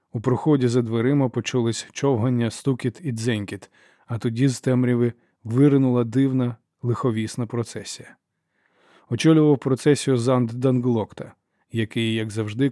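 Mellow-voiced male audiobook narrator. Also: mid-range voice, dry recording, clean studio sound. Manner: steady, even storytelling. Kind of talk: scripted narration of a fantasy novel.

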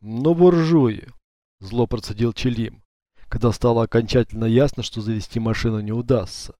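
Mellow, dry-voiced male audiobook narrator. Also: on the low side, flat delivery, a little fast, no room sound.

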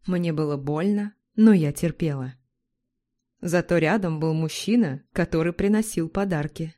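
A woman narrating a first-person story in an even, confessional tone. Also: on the low side.

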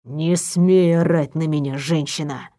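A cold, contemptuous male doctor, put on by a woman narrator hisses and barks orders in a low, dark voice. He sounds domineering and cruel, and he talks down to whoever he is addressing. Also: steady tone, unhurried. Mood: cold contempt. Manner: hissing, barking commands. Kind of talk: audiobook character voice.

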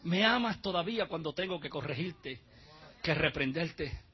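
A male pastor preaching a sermon into a handheld mic in a church, swinging between hushed passages and shouted climaxes. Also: a little high, expressive, moderate pace, husky, lo-fi sound.

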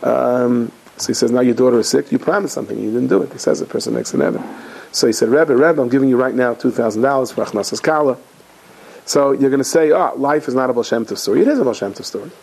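Gravelly man telling a storytelling sermon. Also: mid-range voice, fast, rough recording. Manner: animated, acts out characters in stories, frequent Yiddish and Hebrew terms. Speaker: rabbi giving a talk.

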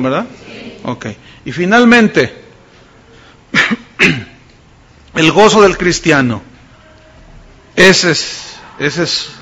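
A middle-aged pastor preaches in church to a live congregation, his male voice pitched high. He reads scripture with slow, deliberate weight and keeps turning to the people with rhetorical questions. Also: a bit bright, highs cut off.

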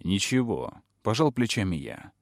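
A man's voice: lowish voice, very animated, normal speed, a little mellow, dry recording, studio quality. A man reading an audiobook aloud, narrating and voicing the characters' dialogue, rising sharply when the dialogue gets heated.

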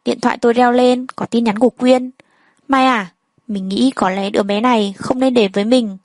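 A woman reads a first-person story aloud in a fairly high voice. She voices every character in much the same plain way. The recording is dry and close, with almost no room sound. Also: steady tone, moderate pace, a little mellow, no echo, poor audio. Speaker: narrator.

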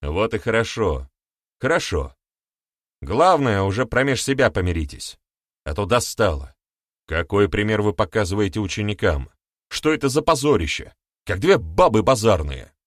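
In clean, echo-free studio sound, a man with a lowish, very animated voice speaks at normal speed as a gruff, commanding village smith in an audiobook. He scolds sternly and lectures in a mock-solemn way.

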